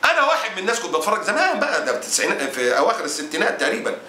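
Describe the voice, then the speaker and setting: A man's voice: high voice, huge pitch swings, racing, sharp tone, slight background noise. A man preaching a sermon with an Egyptian Arabic accent, in a fiery, indignant, scolding way. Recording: roomy echo.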